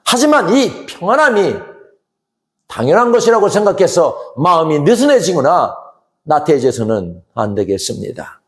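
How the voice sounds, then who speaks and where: A man as pastor, giving an earnest sermon that swells to emphatic rises and sinks to hushed drops. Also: fairly high pitch, sing-song, moderate pace. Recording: roomy echo.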